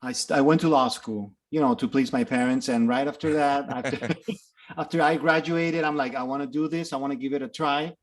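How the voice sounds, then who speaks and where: A middle-aged Mexican actor, a native Spanish speaker with a Mexican Spanish accent, tells stories as a guest in a casual interview. He is animated, restarting often and laughing, in a brisk, mid-range voice.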